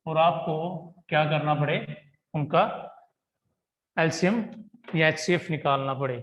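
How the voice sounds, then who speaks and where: Young male math tutor, high voice, chatty classroom delivery, roomy echo. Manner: chatty, repeats "ठीक है जी" and "भाई". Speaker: math teacher. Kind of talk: classroom-style math lesson. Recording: echoey room.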